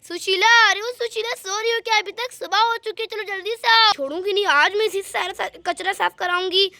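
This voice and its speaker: A quick-tempered village woman who scolds at full volume, as a woman acts her out for a doll story. Her voice sits very high and rings bright and sharp, recorded dry and close with no room around it. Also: vocal fry, no echo, full character voice. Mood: angry shouting. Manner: shouting, scolding.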